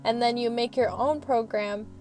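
Chatty young woman over soft music. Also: on the high side, steady tone, normal speed. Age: young adult. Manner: chatty, earnest, frank. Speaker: student vlogger. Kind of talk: casual voice-over ramble. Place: parked car.

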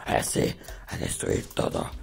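A man voicing a gleeful, menacing satanic goat in a game video, growling deep and cackling as he gloats. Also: normal speed, lightly acted. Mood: gloating. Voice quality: deep gravelly demonic growl.

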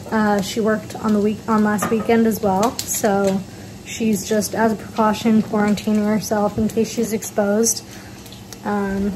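In a medium-pitched voice, a teenage vlogger casually demonstrates a recipe in her home kitchen, chatting step by step and leaning on fillers. The audio comes from a phone camera held in hand at times, with kitchen echo and loud noise in the background.

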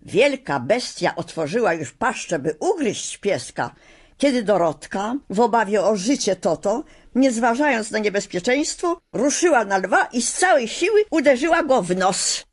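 A woman narrating a children's storybook audiobook in a measured, expressive way. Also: on the high side.

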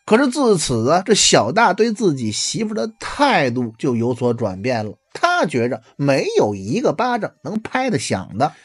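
A storyteller tells a traditional tale with colloquial flourishes. The pitch leaps and dives all the way through, the voice is a little husky, and the sound is dry and close. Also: normal speed, hardly any pauses, no echo. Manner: lively, colloquial, dramatic swings.

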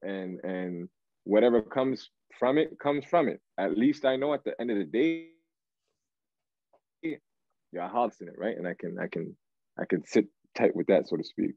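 A Canadian R&B singer raised in Toronto chats casually as an interview guest, using slang and often checking that he's being followed. His lowish voice is expressive at a normal speed. He's in an indoor room on a dull, lo-fi video call with no room sound.

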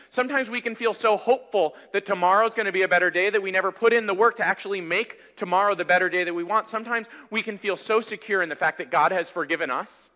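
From a large church pulpit, a male pastor in his thirties gives a sermon with a lively, conversational delivery. A long hall reverb carries his high-pitched voice, which sounds bright and forceful.

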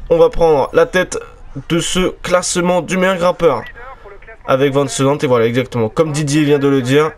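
A man giving chatty, excitable let's-play commentary on a cycling race game, cheering on his riders. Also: a little high. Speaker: gaming commentator.

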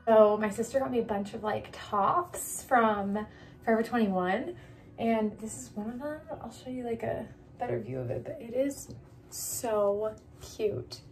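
Woman, twenties, casual vlog, handheld camera, chatty and bubbly, slightly high voice. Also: unhurried. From USA. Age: 20s. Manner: chatty, bubbly, with filler likes and ums. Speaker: vlogger. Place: apartment, car and outdoors. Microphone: handheld phone or camera at arm's length.

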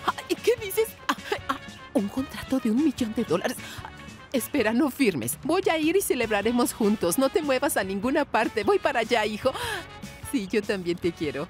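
A giddy mother who gushes over her son, her voice swinging up and down with theatrical delight. She speaks in a dubbed TV drama with soft music behind her. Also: on the high side, sing-song, moderate pace. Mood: gushing. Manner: gushing, laughs often, theatrical.

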